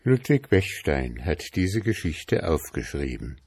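A man reading a fairy tale aloud in a slow, expressive storytelling manner. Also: very deep voice, husky. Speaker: reader.

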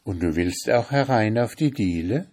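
A man's voice: lowish voice, animated, moderate pace, darkish tone. A man voicing a spirited, kind young girl in a storybook reading, raising his voice into an exasperated, pleading tone. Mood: indignant.

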